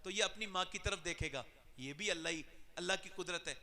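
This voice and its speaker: In a large hall with long, lingering reverb, a man preaches with great passion. His sermon shifts dramatically from loud outcries to quiet, hushed moments, with sweeping changes in pitch and loudness.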